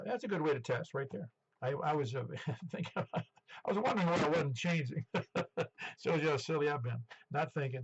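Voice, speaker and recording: A man in his seventies speaks over a dull, band-limited ham radio. His voice sits a little high for a man and is full of gravelly creak. He runs the net check-in casually, chatting and rambling in an easygoing way. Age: 70s. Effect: two-way radio transmission. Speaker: amateur radio net controller.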